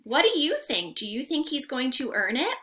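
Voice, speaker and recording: Reading to little children as their teacher, a young woman at home speaks at a normal speed in a high voice full of big pitch swings and a slightly bright tone. The interactive lesson is sing-song and carefully enunciated, with questions for her listeners.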